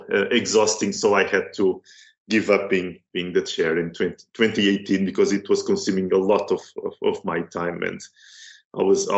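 A middle-aged man with a Portuguese accent and a very low, gravelly voice. He speaks haltingly, circling back and restarting his phrases. The audio is dull and lo-fi. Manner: hesitant, many restarts and fillers. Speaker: museum curator and researcher. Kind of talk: online course interview.

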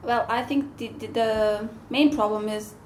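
A young woman from Bosnia and Herzegovina, an exchange student, answering interview questions softly and hesitantly. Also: on the high side, fairly even intonation, a little slow, a little hiss or hum. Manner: hesitant, soft-spoken, with restarts. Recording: roomy echoey room.

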